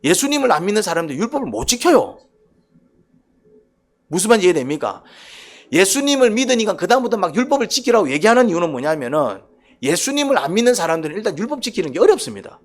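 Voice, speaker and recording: A male pastor preaching a sermon in a church, animated, often asking the congregation questions. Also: high-pitched, quick pace.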